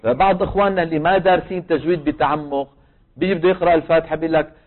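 A man's voice: fairly high pitch, rapid-fire. A man with a Levantine Arabic accent teaching a tajweed lesson on Quran recitation. He explains patiently and keeps asking the class questions that he then answers himself. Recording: thin, phone-like recording.

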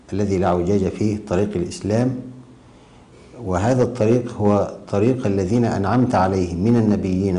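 A man's voice: sits low, warm tone, poor audio. Man teaching Quran recitation. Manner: demonstrates recitation slowly, contrasting errors. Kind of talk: tajweed lesson.

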